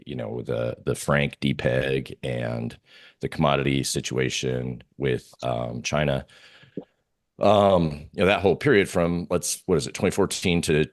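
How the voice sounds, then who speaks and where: Speaking as an interview guest, a man with a bass voice offers casual market commentary. He's informal and often repeats himself while thinking aloud.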